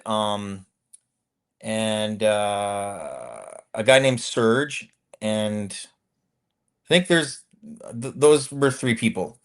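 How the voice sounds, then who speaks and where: Man in his fifties, interview guest, rambling storyteller, loose and halting. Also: medium pitch. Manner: rambling, many restarts and fillers. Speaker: guest, former convoy accountant.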